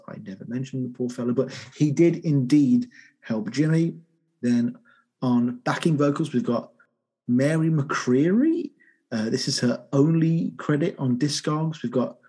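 An English man hosts a relaxed music podcast, joking and getting easily worked up over small discoveries. His voice is mellow and dark in tone, with a husky edge. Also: mid-range voice. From England. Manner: enthusiastic, jokey, excitable. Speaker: podcast host. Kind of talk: casual music podcast chat.

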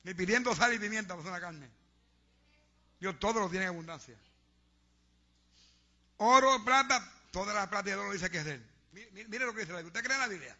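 A man preaches with fervor, calling out to the congregation and urging them on. His voice sits high and cuts through, sharp and bright. The recording is dull and lo-fi. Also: lively intonation, brisk, long pauses. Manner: fervent, exhorting, preaching to a congregation. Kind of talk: sermon. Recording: dull lo-fi sound.

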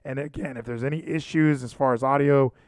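A man's voice: medium pitch, fairly even intonation, fairly quick, no echo, studio quality. A man hosting a podcast in casual, rambling chat, often interrupting and repeating himself. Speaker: podcast and livestream host. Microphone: handheld microphone.

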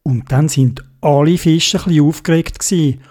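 A storyteller with a Swiss German accent, slowly reading a children's story aloud in a sing-song way. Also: medium pitch, darkish tone.

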